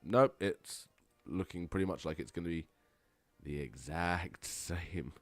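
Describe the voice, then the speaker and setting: Hoarse low-voiced man gaming chat. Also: unhurried, dry recording, soft background music. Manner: playful, chatty, jokey asides to viewers. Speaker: let's play gamer. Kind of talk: casual gameplay commentary.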